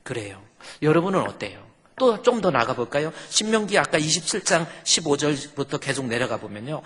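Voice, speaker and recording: A middle-aged male pastor preaches with a husky, slightly higher voice. He gives an emphatic sermon and puts on voices for churchgoers' stubborn replies. His voice rings with long reverb through a church hall. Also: sing-song, fairly quick, fairly bright tone. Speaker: senior pastor. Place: church sanctuary.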